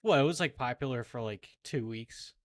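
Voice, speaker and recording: A man's voice: mid-range voice, normal speed, no room sound. Young man, dry close sound. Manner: animated, sarcastic, filler-heavy. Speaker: podcast co-host. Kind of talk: casual chat.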